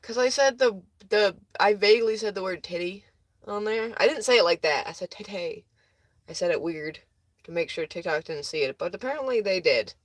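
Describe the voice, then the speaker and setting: A woman's voice: medium pitch, lively intonation, fairly quick, no room sound. A young woman chatting casually with viewers on a livestream, tired and rambling, with a close phone mic.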